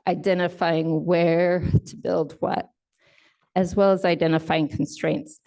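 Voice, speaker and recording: A woman on state housing enforcement staff, giving a conference presentation from slides and explaining in a measured way, with fillers and self-corrections. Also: low voice, creaky, a little mellow.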